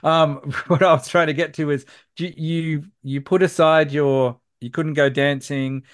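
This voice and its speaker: A man's voice: fairly high pitch, fairly even intonation, unhurried. An Australian man hosting a casual conversation, chatty, with frequent brief agreements.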